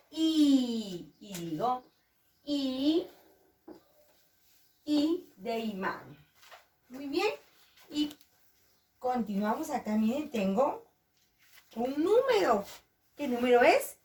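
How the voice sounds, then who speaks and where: Slow sing-song woman teaching young children. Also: high voice, recorded from a distance. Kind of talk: children's lesson.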